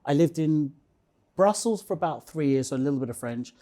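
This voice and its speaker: With a fairly high, warm voice, a man talks a little fast and animatedly as a casual interview guest. His anecdotes are emphatic, full of repeated phrases, and he checks in with the listener by ending statements with "okay?".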